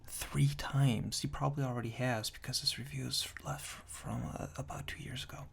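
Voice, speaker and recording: Man whispering ear to ear, creaky ASMR. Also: a little fast. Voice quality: hushed, breathy whisper mixed with soft low murmur. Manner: dry, tongue-in-cheek deadpan. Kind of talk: ASMR whispered reading of product reviews with casual commentary. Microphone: binaural microphone, very close to the ears. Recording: close binaural ear-to-ear mic, faint noise.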